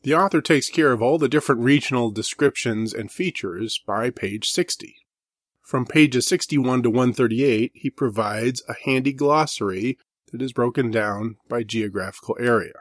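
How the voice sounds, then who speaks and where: A man with an Inland North American accent giving a scripted book review, measured and slowing down to sound out example words. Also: medium pitch, no room sound, studio quality.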